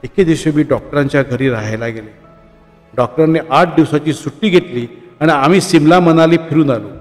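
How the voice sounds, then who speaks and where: A man's voice: a little high, brisk. Man reading a story with reverb. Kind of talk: reading a short story aloud. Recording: long reverb with soft music.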